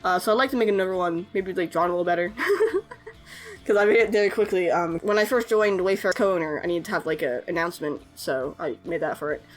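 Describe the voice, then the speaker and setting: Faint music plays behind a young woman whose voice sits on the low side as she chats fast over her editing footage. The animator and artist YouTuber hesitates often, using lots of fillers and self-conscious laughs.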